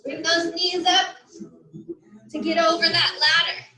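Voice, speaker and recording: Woman cardio instructor, breathless, slow steady cues, roomy echo. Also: extremely high pitch. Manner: encouraging cues with cheers. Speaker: fitness instructor. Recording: echoey room with loud music. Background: workout music.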